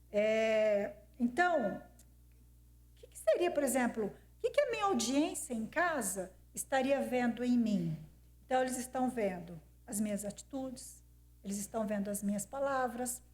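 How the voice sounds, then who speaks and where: An older woman from Brazil gives a talk at a women's church conference. Her voice sits a little high. She talks to the room conversationally and keeps checking in with rhetorical questions. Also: darkish tone. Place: church hall.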